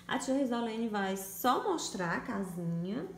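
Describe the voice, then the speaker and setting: A Brazilian woman with a fairly high, very lively voice walks small children through sounding out syllables. She coaxes and draws out each letter sound like a patient primary teacher. The recording carries a clear echo from a bare room at home. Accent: Brazilian Portuguese. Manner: sing-song, coaxing teacher voice with drawn-out letter sounds. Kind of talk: recorded phonics lesson for children. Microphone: phone or home camera, voice only.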